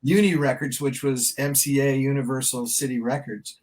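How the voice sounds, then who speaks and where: A man's voice: mid-range voice, steady tone, moderate pace, darkish tone, poor audio. A man in his seventies, a band member being interviewed, telling a long anecdote in a rambling, chatty way. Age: 70s. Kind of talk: casual interview storytelling.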